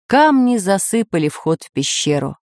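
A woman reading a children's adventure story aloud with expressive narration. Her voice sits mid-pitch. The recording is dry and close. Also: moderate pace, no echo.

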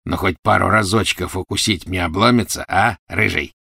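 A man's voice: low-pitched, moderate pace, gravelly, sharp tone, slightly rough, no echo, studio quality, exaggerated voice. A man voicing a savage male werewolf who growls and wheezes in a storybook reading. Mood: gloating.

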